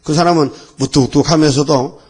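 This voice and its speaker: A man's voice: a little high, steady tone, normal speed, darkish tone, breathy edge. A male pastor preaching a dawn worship sermon in a rambling, fiery way, firing off rhetorical questions.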